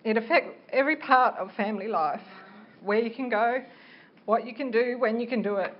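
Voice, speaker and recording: A woman's voice: a little high, moderate pace. A middle-aged woman giving a prepared public speech as a parent campaigner, speaking earnestly and carefully like a reluctant speaker. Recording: dull, noisy live speech recording.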